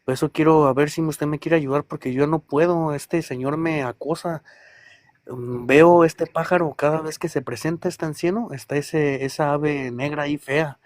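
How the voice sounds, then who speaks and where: A man's voice: on the high side, fairly even intonation, moderate pace, no echo. A man, calling in to tell a personal experience, rambling and hesitant as he talks straight to the listener. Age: 30s. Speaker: caller.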